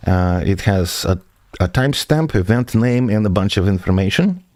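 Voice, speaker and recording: A man with a deep, low voice gives a methodical tech walkthrough on a live stream. He pauses and restarts as he answers viewer questions. The sound is close and dry, with no room around it. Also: expressive, darkish tone, no echo. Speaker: software developer streaming his project.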